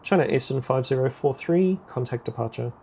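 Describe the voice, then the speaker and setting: Creaky male voice, air traffic controller, clipped procedural commands, faint noise. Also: medium pitch, brisk, darkish tone.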